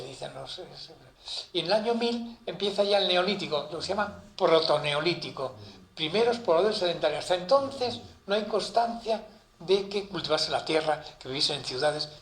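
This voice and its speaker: A man's voice: a little high, a bit bright. A man giving a classroom lecture on the Bible, explaining at a map and tagging his sentences with "¿eh?" and "¿no?". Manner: explains at a map, with constant "¿eh?" and "¿no?" tags. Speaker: Bible teacher. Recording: echoey room, faint ambient noise.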